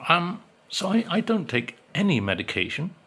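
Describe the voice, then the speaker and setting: A man's voice: high voice, sing-song, moderate pace, sharp tone, husky. A man in his sixties chatting casually to camera as a vlogger, rambling and wry with lots of ums. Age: 60s.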